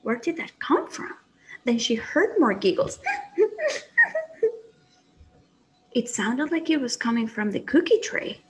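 A woman narrating a children's story in an animated way, dropping in Spanish phrases. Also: a little high, moderate pace, rough recording.

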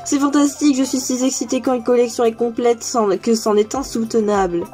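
A fussy owl museum curator from a video game speaks in a formal, effusive way. A woman reads his lines aloud, her voice a bit higher and brighter than her usual. Soft game music plays behind. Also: fairly even intonation, brisk, lightly acted. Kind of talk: reading in-game dialogue aloud.

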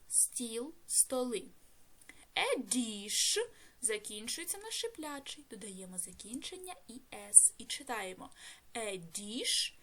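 A woman teaches English to beginners with a fairly high and very lively voice. She talks slowly, naming each letter and sound and translating every example. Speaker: language teacher.

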